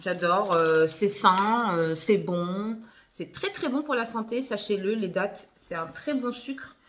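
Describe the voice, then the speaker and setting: A woman's voice: medium pitch, measured pace, fairly bright tone. A young woman chatting casually through a shopping haul video at home, full of fillers and little laughs. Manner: chatty, filler-heavy, giggly asides. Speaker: vlogger.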